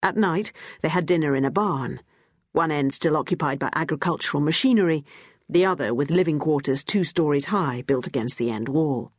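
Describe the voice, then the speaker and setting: Husky woman narrating an audiobook. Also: low-pitched, normal speed, no room sound, clean studio sound. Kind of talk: scripted narration.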